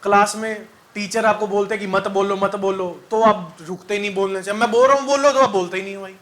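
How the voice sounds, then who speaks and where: A man's voice: high voice, fairly even intonation, quick pace, a bit bright. A man teaching chemistry to a class, quizzing students in a call-and-response style, joking and singing mnemonics.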